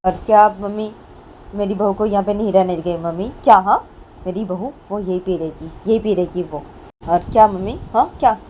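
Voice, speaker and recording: A woman voicing a middle-aged father who firmly orders his family to be quiet. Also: mid-range voice, a little fast, a little hiss or hum, natural voice. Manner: firm, commanding, repeats "theek hai". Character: stern middle-aged father defending daughter-in-law.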